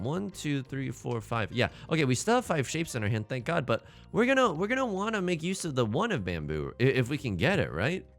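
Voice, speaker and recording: A man's voice: mid-range voice, creaky, fairly bright tone. A man commentating on his own game live, thinking aloud casually with joking, mock-dramatic asides. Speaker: gaming streamer.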